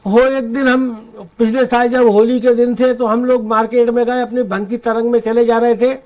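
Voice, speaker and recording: A man's voice: very high-pitched, level tone, moderate pace, a little mellow, rough recording. A man reciting humorous poetry at a live poetry gathering, theatrical and repeating each punchline for effect.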